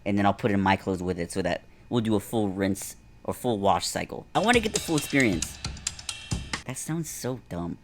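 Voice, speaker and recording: A man's voice: deep voice, normal speed, few pauses. A tired, out-of-breath young man talking casually as a vlogger, chatty and self-mocking, often trailing off mid-sentence in a home laundry room. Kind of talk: casual vlog commentary. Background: background music.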